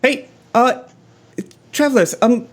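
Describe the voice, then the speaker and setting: A man's voice: very high voice, takes it slowly, voice pushed up, heavily acted. A man voicing a blunt halfling shepherd woman in her thirties who talks with many uhs and ums. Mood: earnest, hesitant. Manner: hesitant, full of uh and um.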